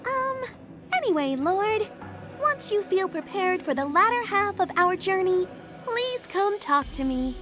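A very high girlish angel, chirpy and devoted to her lord. She speaks formally and eagerly in video game style, with music softly behind her. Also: very animated, measured pace, heavily acted. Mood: earnest, polite. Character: polite, chirpy young girl angel serving her lord.

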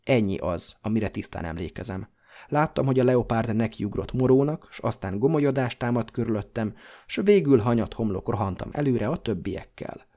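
Mellow-voiced male audiobook narrator. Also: mid-range voice, lively intonation.

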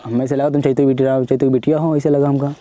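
A man's voice: mid-range voice, little pitch movement, very fast, a crowd in the background. A young man, hosting a village prank, who keeps cajoling and asking why she is angry.

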